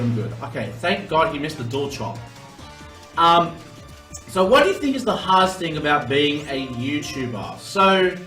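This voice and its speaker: A man's voice: a little high, fairly bright tone. A man giving casual, informal let's play commentary as a gaming YouTuber, sweary and exclamatory. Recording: roomy, distant mic under game music.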